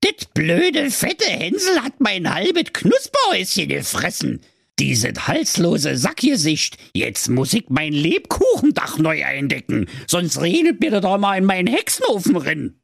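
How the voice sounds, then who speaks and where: A man doing a shrill old witch. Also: wildly swooping pitch, takes it slowly, creaky, a bit bright, dry recording, clean studio sound, full character voice. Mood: furious. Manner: shrill, cursing, indignant. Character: cheeky foul-mouthed old female witch.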